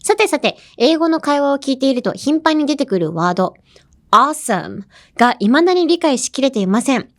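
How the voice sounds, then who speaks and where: A young woman hosting a language-learning podcast, chatting casually and explaining how words are used with quick examples. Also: high voice, very animated. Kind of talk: casual bilingual lesson chat.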